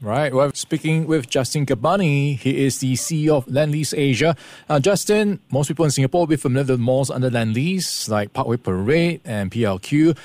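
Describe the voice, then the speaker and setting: A man's voice: medium pitch, a little fast, a little mellow, dry recording. Dry, close-sounding male radio interviewer. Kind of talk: broadcast interview.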